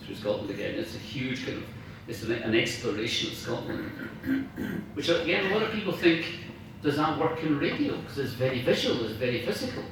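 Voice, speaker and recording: A guest speaker who writes radio drama talks informally about writing after a club dinner, his words bouncing around a large, very echoey room picked up by a distant mic with faint noise. His mid-range voice is gravelly and a bit bright, very animated and fairly quick, and he's emphatic and enthusiastic while groping for words.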